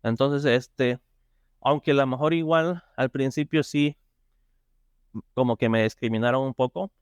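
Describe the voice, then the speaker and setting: A man's voice: medium pitch, steady tone, measured pace, smooth, no echo, studio quality. A man, guest in a casual interview, talking hesitantly with many fillers and restarts. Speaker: interview guest, software tester.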